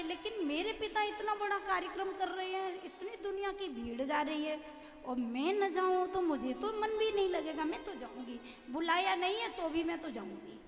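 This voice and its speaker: A woman preacher voicing a headstrong young goddess who insists on having her way. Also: very high-pitched. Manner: insistent, pleading. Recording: echoey hall with music.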